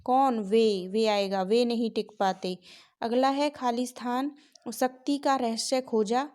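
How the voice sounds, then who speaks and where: A woman's voice: on the high side, fairly even intonation, darkish tone. A woman teacher patiently explaining a workbook lesson to her pupils, calling them "beta". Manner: patient, slow and explanatory, calls students "beta".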